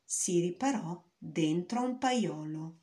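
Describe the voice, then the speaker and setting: A woman's voice: on the low side, expressive, slow pace, warm tone. A woman narrating a fairy tale in a storybook reading, with careful storytelling.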